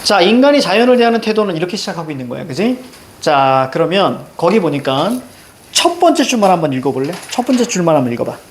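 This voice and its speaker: Animated, high-pitched male teacher quizzing. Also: quick pace, slight background noise. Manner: emphatic, quizzing students with constant check-ins. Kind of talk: Korean reading lesson.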